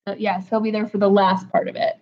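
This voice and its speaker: A woman's voice: mid-range voice, flat delivery, quick pace. Chatty woman hosting a home livestream. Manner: chatty, greets viewers by name from the chat. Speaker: livestream host. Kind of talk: casual livestream chat. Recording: dull lo-fi livestream audio.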